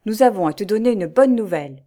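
A woman's voice: mid-range voice, animated, fast, lightly acted. A kindly fatherly priest, read by a woman. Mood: reassuring. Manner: earnest, gentle and reassuring. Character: kindly paternal old male priest.

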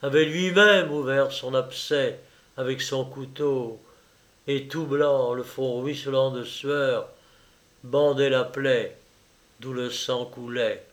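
A man narrating a literary story in a measured audiobook reading. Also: medium pitch, fairly even intonation, a bit bright. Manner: slow, measured.

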